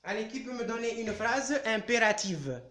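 Standing at a chalkboard in an indoor room, a male primary school French teacher runs a live online lesson, patiently and slowly urging pupils to respond with repeated calls of "allez." His high voice sounds expressive, bright and forceful, and the room gives the audio a roomy echo.

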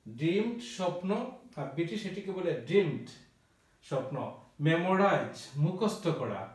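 A man's voice: sits high, animated, normal speed, far from the mic. A man teaching a vocabulary lesson, naming word pairs and spelling words out letter by letter. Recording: very echoey room, voice from off-mic.

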